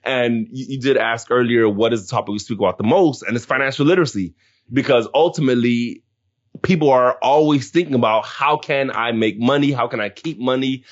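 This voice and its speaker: A man with a middle-pitched voice who explains things earnestly as a guest and often repeats words as he starts a thought. The sound is a bit muffled and dull. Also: a little fast. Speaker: guest, community discussion organizer. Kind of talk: casual interview chat.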